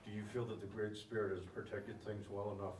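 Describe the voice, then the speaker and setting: A man in the audience asks the speaker a question in a measured, respectful and slightly hesitant way. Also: lowish voice, level tone, a little mellow. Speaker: audience member asking a question. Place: museum presentation room. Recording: roomy, distant, noisy audience.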